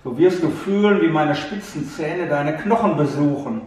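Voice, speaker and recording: A man's voice: a little high, lively intonation, moderate pace, a little mellow, natural voice. A man voicing a bold young male hedgehog in a storybook tale, heard from a distant mic in an echoey room. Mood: defiant.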